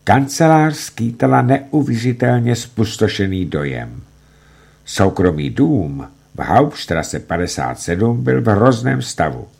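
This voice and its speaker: A man narrating a documentary in a dramatic, declamatory way, acting out quoted documents with strong swings of pitch. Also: animated, gravelly, a little mellow, breathy edge.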